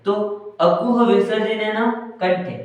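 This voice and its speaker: A man's voice: high voice, fairly even intonation, measured pace. A man teaching a grammar lesson, going over each point again and again and answering his own questions. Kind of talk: Hindi grammar lesson, explaining slowly with repetition. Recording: very echoey room, distant from the mic.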